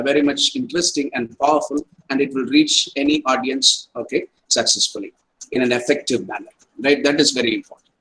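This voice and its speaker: A man's voice: fairly high pitch, fairly bright tone, a little hiss or hum, poor audio. A middle-aged man, an academic counsellor giving an online lecture and tagging his points with "right?" and "okay". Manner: repeats points, tags sentences with "right?" and "okay".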